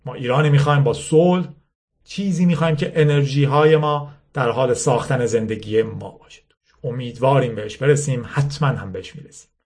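Steady male audiobook narrator. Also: mid-range voice. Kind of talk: reading a novel aloud.

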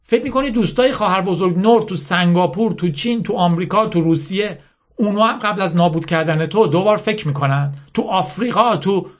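A man's voice: high voice, voice pushed up, close to an everyday voice. A man voicing a bitter, scornful teenage girl who leads an army, lecturing with hammering rhetorical questions.

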